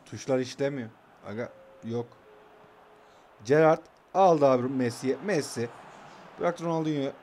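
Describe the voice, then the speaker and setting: A man's voice: mid-range voice, a little slow, darkish tone, a little hiss or hum. A young man casually commentating his own football video game match, calling out passes and trash-talking his opponent.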